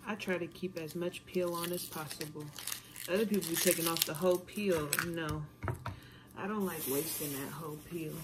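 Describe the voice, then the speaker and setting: A woman's voice: sits low, normal speed. A woman casually chatting to viewers while chopping vegetables in her home kitchen. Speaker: cooking vlogger. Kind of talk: casual cooking demo. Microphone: camera on counter facing her torso. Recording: knife chopping noise on board.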